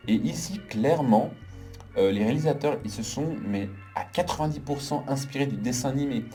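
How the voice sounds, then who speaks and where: A man's voice: medium pitch, brisk, warm tone, soft background music. A man giving a casual, opinionated film review in an emphatic way, piling on intensifiers. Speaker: film critic.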